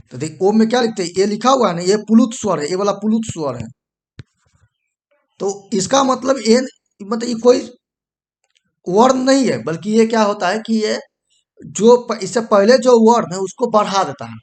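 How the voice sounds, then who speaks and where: A male teacher giving a whiteboard grammar lesson, repeating himself, checking in often and stopping to fix what he wrote. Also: high-pitched. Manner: repetitive, checks in with "ठीक है"; pauses to correct and erase the board.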